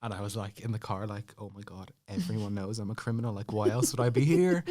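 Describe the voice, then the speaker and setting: Fast and lowish in pitch, a young man with an Irish accent shares a personal story as a podcast guest in casual chat. He acts out the dialogue as he goes, animated, with laughing asides scattered throughout.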